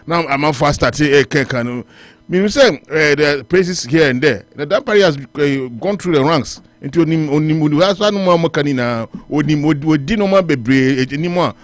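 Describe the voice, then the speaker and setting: A Ghanaian man argues his point on a radio panel in halting bursts, restarting often and mixing in local-language words. His voice is a little high for a man. The sound is dry and close. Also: dry recording. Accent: Ghanaian English. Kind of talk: radio talk show discussion.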